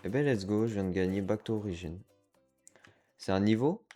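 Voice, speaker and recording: A man talks through his game in a loose, chatty streamer commentary, his voice sitting a little low. He reacts aloud to each moment and slips in English slang. Game music plays faintly behind him along with keyboard clicks. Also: moderate pace, dark tone. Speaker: gaming streamer. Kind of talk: casual let's-play commentary.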